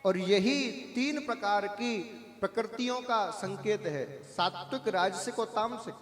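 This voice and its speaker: A man giving a devotional discourse to an audience, asking questions and answering them himself, with drawn-out chants of Om between his explanations. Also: high-pitched, fairly bright tone, roomy sound, in a large hall, soft background music. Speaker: spiritual preacher.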